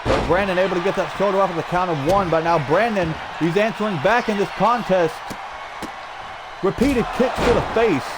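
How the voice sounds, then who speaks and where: Over the roar of a video game wrestling crowd, a man delivers excited play-by-play commentary on the match. His high-sitting voice is brisk and energetic, full of shouted exclamations and audibly strained.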